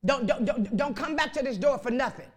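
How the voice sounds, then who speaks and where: A woman preacher voicing a strict mother who scolds her child sharply and quickly. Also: high voice. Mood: scolding.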